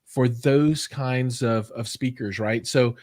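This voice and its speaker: A man's voice: medium pitch, takes it slowly, darkish tone. An American man hosting an interview, asking chatty, friendly questions with fillers. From United States. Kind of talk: casual interview.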